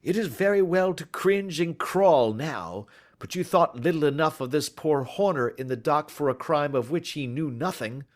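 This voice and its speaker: Man playing masterful Sherlock Holmes, lively and raised. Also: a little high, moderate pace, few pauses, pitched above the performer's own voice, natural voice. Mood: stern. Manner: commanding, precise, dryly mocking, formal. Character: brisk, masterful male gentleman detective, coolly sardonic. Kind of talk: audiobook character voice.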